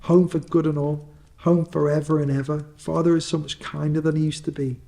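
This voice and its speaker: Man as little girl, gleeful, affectionate, eager, raised pitch, storybook fireside storytelling. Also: level tone, fairly quick, creaky, warm tone. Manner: eager, repetitive. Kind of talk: fireside storytelling, acted dialogue.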